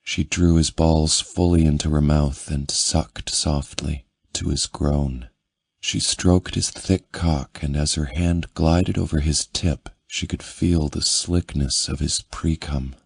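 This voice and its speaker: A man narrating a romance audiobook in a slow, unhurried, intimate read. His voice sits extremely low and has a husky grain. The recording is close and dry. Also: steady tone, dry recording. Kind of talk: scripted narration.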